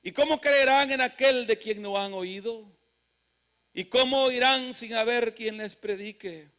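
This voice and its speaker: High-voiced fervent preacher man. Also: a little slow, a bit bright. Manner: fervent, rising to emphatic declarations. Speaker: pastor. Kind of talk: sermon. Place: church sanctuary.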